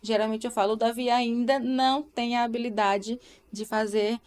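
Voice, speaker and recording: A woman's voice: fairly high pitch, steady tone, moderate pace, a little mellow, clear, resonant tone. Chatty woman hosting a live stream. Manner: chatty, addresses viewers with tag questions. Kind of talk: casual live-stream chat.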